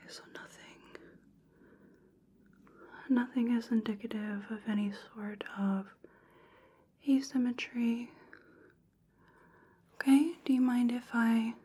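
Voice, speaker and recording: Woman, whispered role-play as a small-town clinic examiner. Unhurried, mellow and breathy, folksy and chatty. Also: on the high side, steady tone.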